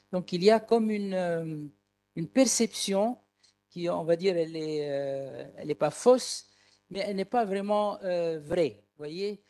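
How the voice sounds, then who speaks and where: A man's voice: high voice, darkish tone. A man speaking at a conference panel, hesitant and full of fillers, often checking the audience follows. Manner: hesitant, many fillers and "you see". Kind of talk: conference talk.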